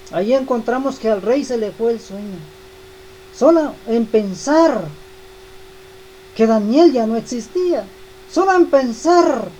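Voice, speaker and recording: A woman's voice: fairly high pitch, dark tone, slight background noise, rough recording. A woman giving a devotional Bible teaching, speaking emphatically and repeating key phrases.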